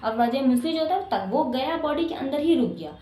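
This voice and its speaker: Animated woman teaching, echoey room. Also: high-pitched, fairly quick. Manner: explains patiently, checks understanding with "ठीक है" and "clear". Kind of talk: exam-prep lecture.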